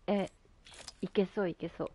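Gaming on a live stream, a woman gushes with exclamations and youthful slang in casual, excited chat. Her voice is mid-range and dark in tone, with fairly even intonation and a moderate pace.

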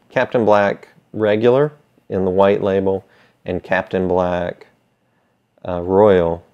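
A middle-aged man in a laid-back, hesitant, rambling casual chat to camera, talking around a pipe held in his mouth. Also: deep voice. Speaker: pipe tobacco seller. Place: small indoor room with shelves. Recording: slightly dull, lo-fi sound.

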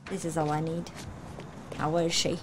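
A woman streamer giving casual let's-play reaction commentary, excitable and quick to swear and talk back to the enemies on screen. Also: low-pitched, background noise. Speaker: gaming streamer. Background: game music.

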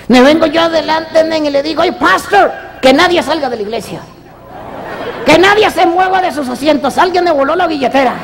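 Cheeky puppet dude voiced by a man, streetwise slang, higher and louder than the handler. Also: fairly quick, some chatter behind, a little hiss or hum. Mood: boisterous. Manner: streetwise, mixes English slang. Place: church stage.

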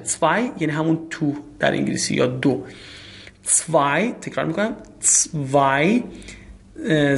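A man from Iran teaches German in a lesson style. His voice sits fairly high and has a gravelly edge. He says each phrase slowly and then goes on to explain it.

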